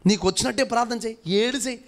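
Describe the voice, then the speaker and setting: A male pastor preaching a sermon, building up to loud repeated cries and then dropping back to a low, quiet voice. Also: rapid-fire.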